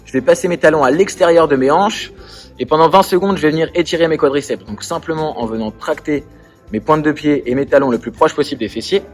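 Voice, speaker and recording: A man calmly explaining and demonstrating home workout exercises step by step as a coach. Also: a little high, fast talker, soft background music. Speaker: CrossFit coach. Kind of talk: workout instruction.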